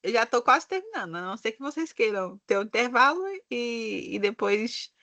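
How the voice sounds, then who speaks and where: A Brazilian woman leading a teacher training session, speaking expressively and stretching words for emphasis. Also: fairly high pitch. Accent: Brazilian Portuguese. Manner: lively, expressive, drawn-out emphasis.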